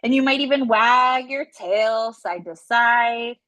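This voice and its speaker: A woman yoga instructor gently guiding children and families through poses, with playful, encouraging cues. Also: a little high, takes it slowly, dry recording. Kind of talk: guided kids' yoga instruction.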